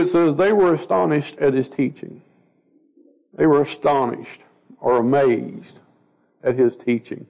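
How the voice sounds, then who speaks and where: A man teaches an informal Bible study in a fairly high, gravelly voice, stuffy and a little scratchy from a cold. He's conversational, repeats words, and asks the group questions, all captured on a dull lo-fi recording.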